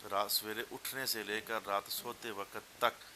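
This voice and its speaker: A man with a Punjabi accent teaching a class, explaining step by step, repeating words and chanting verse slowly. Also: on the low side, level tone, sharp tone, slight background noise. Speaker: teacher of a Persian text class. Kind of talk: classroom lesson. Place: classroom with students.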